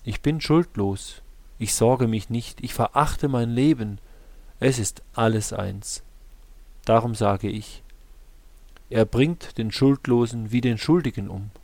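A man reads scripture aloud in a slow, unhurried, solemn manner. His voice sits in a middle register, and he is recorded dry and close on a studio mic. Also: mid-range voice, darkish tone, no room sound. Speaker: scripture reader. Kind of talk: scripted Bible reading.

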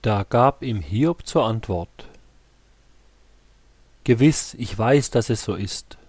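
A man reads scripture aloud in a slow, unhurried, solemn manner. His voice sits in a middle register, and he is recorded dry and close on a studio mic. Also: medium pitch, darkish tone, no room sound. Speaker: scripture reader. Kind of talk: scripted Bible reading.

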